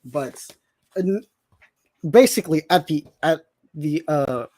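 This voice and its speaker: A man chatting casually as a podcast guest, excitable and rambling, with many restarts. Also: on the high side, measured pace. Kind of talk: casual chat.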